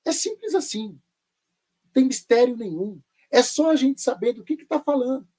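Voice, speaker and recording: A man's voice: extremely high pitch, animated, moderate pace, mellow. A man teaching a live online Bible lesson, sarcastic and full of rhetorical questions.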